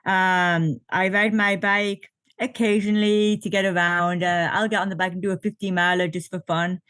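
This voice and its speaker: Speaking as a podcast guest over a video call, an ultra triathlete in her late fifties keeps the interview chat casual, full of fillers and frequent laughter. Her voice is lowish, a bit bright and clean, with fairly even intonation, a moderate pace and no room sound.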